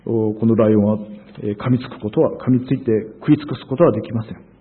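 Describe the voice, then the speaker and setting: Husky man preaching over a tinny line. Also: mid-range voice, quick pace. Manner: earnest, emphatic preaching with frequent hesitations. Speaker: pastor. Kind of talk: sermon. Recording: phone-like narrow sound.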